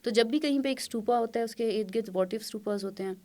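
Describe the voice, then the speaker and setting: A woman from Khyber Pakhtunkhwa, a tour guide and trekker, telling stories as a guest in a casual podcast interview, lively and acting out quotes. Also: a little high. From Khyber Pakhtunkhwa, Pakistan. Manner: lively storyteller, acts out quotes.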